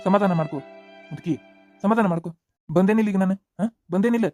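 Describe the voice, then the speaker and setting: A woman voicing an old village grandfather, calm and gruff, soothing in slow rural speech. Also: medium pitch, no room sound, soft background music, voice pushed down, close to an everyday voice.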